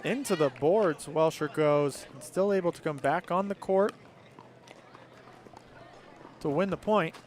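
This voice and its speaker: A man's voice: a little high, unhurried, pauses often, a little mellow, slight background noise. A man giving live play-by-play commentary as a pickleball commentator.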